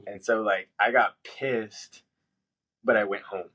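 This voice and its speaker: A man telling a story in casual podcast chat, swearing freely and jumping into high-pitched voices when he quotes himself. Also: steady tone, slow pace, fairly bright tone, slightly rough, low-quality recording. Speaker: podcast host.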